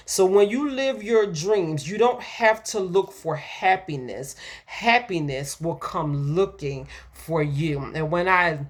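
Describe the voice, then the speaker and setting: A woman giving an emphatic, repetitive motivational sermon that builds to excited peaks. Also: lowish voice. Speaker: preacher.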